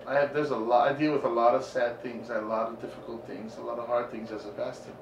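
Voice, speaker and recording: Soft-spoken pastor man, distant roomy sound. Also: medium pitch, dull audio. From Maui, Hawaii. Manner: soft-spoken, hesitant, rambling. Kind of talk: casual interview storytelling. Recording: roomy, distant, noisy recording.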